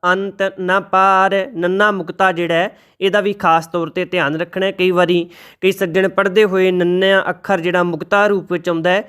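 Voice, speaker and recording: A man teaching the correct pronunciation of scripture, reciting verses slowly and deliberately and spelling out letters. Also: sits high, fairly bright tone, clear, resonant tone. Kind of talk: recitation lesson with slow chanted verses.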